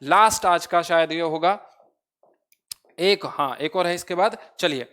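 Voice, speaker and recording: A man's voice: sits high, a little slow, sharp tone. A male teacher giving an online exam-prep English lesson in Hindi and English, asking and answering his own questions and spelling words out letter by letter. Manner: mixes Hindi explanations with English.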